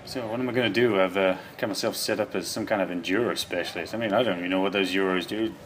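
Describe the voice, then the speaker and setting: A man's voice: deep voice, fast, a little hiss or hum. A man improvising a comic voice-over as commentator, with an offhand, sarcastic, muttering delivery.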